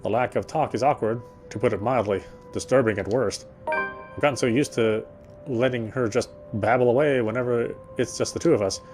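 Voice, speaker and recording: An actor voices a weary city detective narrating in the first person, his inner voice wry. He speaks at a moderate pace in a mid-range, slightly mellow voice close to everyday speech, with soft music in the background.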